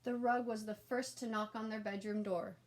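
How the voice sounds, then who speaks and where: A woman narrating a children's storybook aloud in an animated, expressive and emphatic way. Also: mid-range voice, moderate pace.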